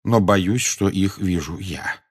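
A man voicing a calm, genial old wizard who speaks slowly and with quiet amusement. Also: deep voice, slightly rough, heavily acted. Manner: slow, unhurried, gently amused.

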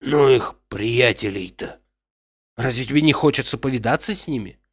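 A man voicing a lazy, stubborn old male servant who grumbles slowly. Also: mid-range voice, close to an everyday voice. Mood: grumbling. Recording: dull, dry recording.

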